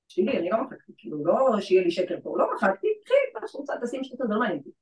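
A legal aid worker with a mid-range voice tells a story in casual chat, animatedly acting out the voices of the people involved. She sounds distant, recorded from far off in an echoey room.

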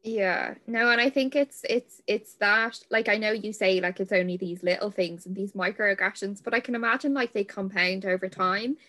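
A woman hosting a panel chat, agreeing quickly with the guests and leading the questions. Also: mid-range voice, steady tone, sharp tone. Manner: quick, affirming, leads the questions. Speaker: host. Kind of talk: conversational panel discussion.

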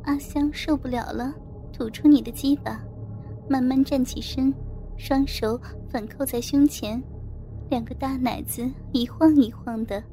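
A woman's voice: sits high, fairly even intonation, a little slow, dark tone, faint music behind. A woman narrating a first-person adult audio story in an intimate manner, speaking directly to the listener.

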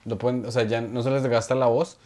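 A man's voice: mid-range voice, flat delivery, brisk, a little mellow. Man, podcast co-host, rambling, self-correcting, casual chat. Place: podcast studio.

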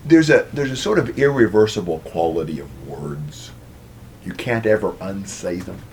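A man preaching a conversational sermon, retelling a story in an animated, chatty way. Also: deep voice, moderate pace, slight background noise.

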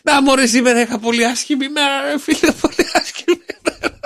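A man's voice: extremely high pitch, steady tone, a bit bright, voice pushed up. A man doing a sobbing skinny guy at a bar. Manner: whiny, tearful, pleading.

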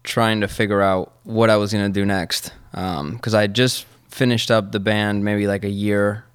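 A man's voice: on the low side, steady tone, normal speed, clean tone, no echo, studio quality. A man from Argentina, a musician guest, telling his story in a casual, easygoing interview and laughing often.

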